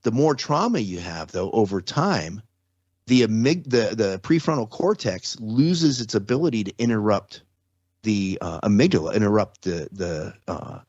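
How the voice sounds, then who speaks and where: This former security contractor and trauma survivor speaks casually as a podcast guest, explaining things with repeated, restarted phrases and frequent rhetorical check-ins. His lowish, darkish voice has lively intonation at a normal speed. The lo-fi audio has no echo.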